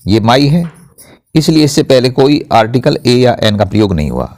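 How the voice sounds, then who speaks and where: A man's voice: mid-range voice, very animated, normal speed, darkish tone. A man teaching English grammar, explaining patiently and spelling words out letter by letter. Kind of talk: blackboard-style grammar lesson.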